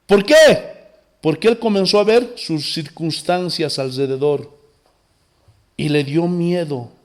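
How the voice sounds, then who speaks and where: A man preaching a sermon as pastor, with impassioned swings from loud exclamations to low, quiet phrases. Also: slow pace. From Bolivia.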